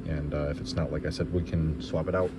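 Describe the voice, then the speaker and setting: Heavy background noise surrounds a very deep, quick-paced male voice as he casually describes his truck repair. He's a vlogger restoring an old truck in a spacious garage workshop, filming on a handheld or body camera. He comes across relaxed, musing aloud while he works.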